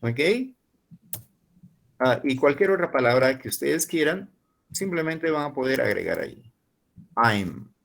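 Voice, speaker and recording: A Peruvian university professor in his forties teaches an online English class in Spanish, slowly repeating model phrases for his learners. His mid-range voice is expressive, creaky, and a bit bright.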